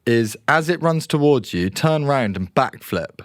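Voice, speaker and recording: English man co-hosting a podcast, sweary animated storyteller, very lively pitch, dry close sound. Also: a little slow, no room sound. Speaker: podcast co-host. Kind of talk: casual podcast chat.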